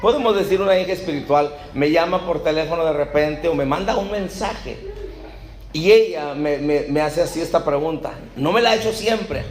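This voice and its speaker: A Mexican preacher giving a sermon, asking the congregation questions and acting out Bible dialogue. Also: male voice, a little high, moderate pace, slight background noise. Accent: Mexican Spanish. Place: church hall. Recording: echoey church room.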